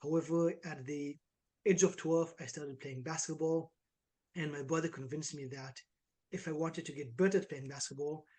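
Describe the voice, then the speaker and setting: Speaking at a normal speed in a slightly high voice, a twentysomething man from Israel chats energetically in an interview about his work as an online fitness coach. He keeps dropping in "like" and "right."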